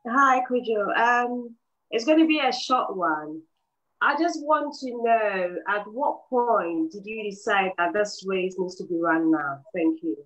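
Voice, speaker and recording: A woman's voice: mid-range voice, expressive, measured pace, fairly bright tone, rough recording. A woman calls in with a short question, courteous and a little hesitant, her voice sitting in an ordinary middle range. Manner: brief, courteous, slightly hesitant. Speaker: caller asking a question.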